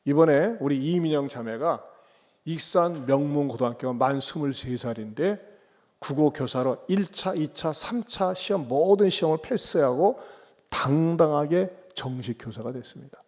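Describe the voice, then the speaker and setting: A man's voice: fairly high pitch, expressive, normal speed, a little mellow. Sex: man. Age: middle-aged. Role: pastor. Style: emphatic sermon, rhetorical questions, call-and-response. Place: church, pulpit mic. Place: church sanctuary.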